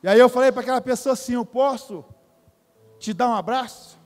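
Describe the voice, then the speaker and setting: A man's voice: very high voice, a little fast, a little mellow, big-room sound, faint music behind. A Brazilian man preaching a sermon, emphatic and repetitive, calling the congregation "dear". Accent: Brazilian Portuguese. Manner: emphatic, repeats phrases, addresses crowd as "querido". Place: church.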